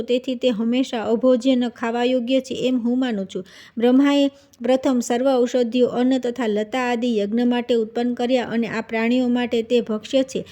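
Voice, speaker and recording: A woman reading an old devotional scripture aloud as steady narration, with small slips now and then. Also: on the high side. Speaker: scripture reader.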